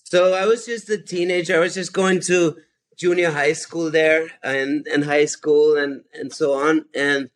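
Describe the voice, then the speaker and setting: A man's voice: fairly high pitch, steady tone, unhurried. Chatty man from Austria in his fifties. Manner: enthusiastic, chatty, laughs often. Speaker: podcast guest. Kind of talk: casual chat.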